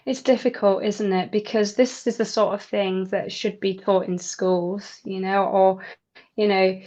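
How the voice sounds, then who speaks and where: A woman's voice: mid-range voice, level tone, a little slow, warm tone, muffled recording. A woman, a pilot and nutrition coach, talking enthusiastically as an interview guest with frequent restarts. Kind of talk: conversational interview.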